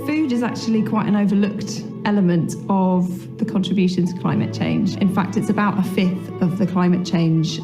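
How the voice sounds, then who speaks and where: A woman's voice: fairly low pitch, normal speed, hardly any pauses, music in the background. A woman explaining facts in an informative talk.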